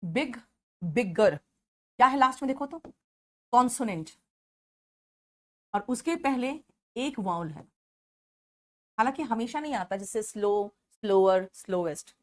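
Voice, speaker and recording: A woman teacher with a Hindi accent leads an online English class in a slightly high voice. She breaks each grammar rule into small steps and calls on her students by name as she goes.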